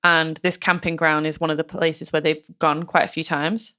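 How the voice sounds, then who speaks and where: A woman talks through a case on a casual true-crime podcast. She has a bright, forceful, fairly low voice. She speaks in loose runs full of "like" and acts out what people said. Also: little pitch movement, moderate pace, smooth. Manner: chatty, many fillers, acts out quotes. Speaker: podcast co-host telling the case.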